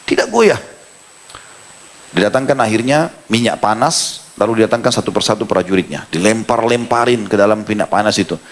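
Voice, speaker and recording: A man preaching, telling a story with animated quoted dialogue and reciting Quranic verses. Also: fairly low pitch, brisk, few pauses. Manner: animated storytelling, quoting the characters. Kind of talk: sermon.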